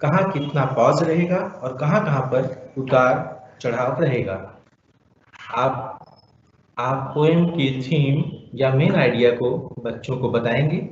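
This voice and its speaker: A man guides teachers through a lesson, reciting a poem with very slow, deliberate stress and pauses. His voice sits in a roomy, echoing space. The recording is dull and lo-fi, with faint noise behind it. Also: mid-range voice. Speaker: teacher trainer. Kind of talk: slow instructional narration.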